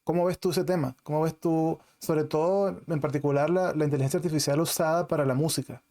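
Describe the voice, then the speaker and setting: Male interview host, mellow voice, long rambling curious questions. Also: a little high, steady tone, brisk.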